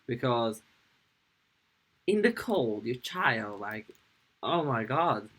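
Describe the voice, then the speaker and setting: A man hosting a reaction video, talking straight to his viewers in a halting, agitated way. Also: medium pitch, big pitch swings, a bit bright, husky, rough recording. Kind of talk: casual reaction commentary.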